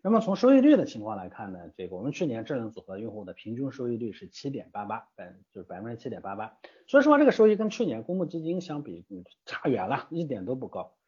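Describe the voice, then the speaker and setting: A man's voice: medium pitch, huge pitch swings, fast talker, darkish tone, breathy edge, muffled recording. A man answering interview questions as a guest from an investment platform, emphatic and full of rhetorical questions.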